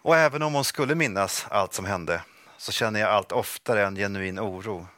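A man reading a first-person passage from his own book aloud, slow and restrained, over a video call. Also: lowish voice, pushed and bright, no room sound, clean studio sound.

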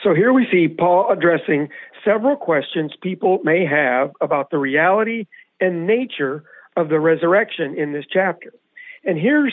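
A man's voice: sits high, dry recording. A man teaching the Bible on a radio program, explaining scripture in a methodical way and putting questions to his co-host. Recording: tinny, phone-like radio audio.

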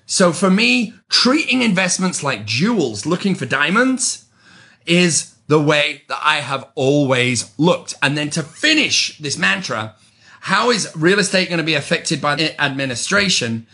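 Bright, emphatic man pitching like a realtor. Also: very animated, a little slow. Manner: emphatic, gushing salesman-like pitch, stretching key words for stress. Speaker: podcast host and real estate agent. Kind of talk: solo podcast advice monologue.

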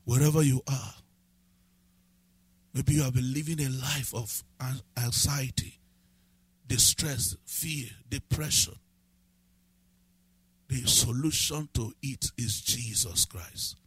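A man preaching a sermon as pastor, building from calm scripture reading to shouted, sing-song emphasis. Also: medium pitch, slow, pauses often, husky, no echo.

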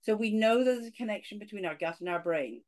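A middle-aged woman from Scotland with a Scottish accent, a podcast guest talking in an animated way and saying "you know" a lot. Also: medium pitch, fast. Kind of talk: casual interview talk.

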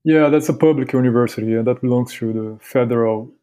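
A man with a Carioca Brazilian accent speaks as a podcast guest in a mellow, relaxed voice at a middling pitch. His English is halting and courteous, with words often repeated as he chats. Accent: Carioca Brazilian Portuguese. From Rio de Janeiro, Brazil. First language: Brazilian Portuguese. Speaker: podcast guest, university academic. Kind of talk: casual interview conversation.

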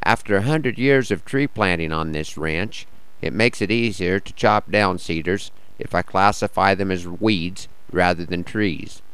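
Deep, slightly croaky American cowboy storyteller, man. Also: measured pace, fairly bright tone, no echo, low-quality recording. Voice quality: a little rough and croaky. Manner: wry, understated storytelling. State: hoarse, worn-out morning voice. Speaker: radio show host. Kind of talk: scripted folksy monologue with cowboy poetry.

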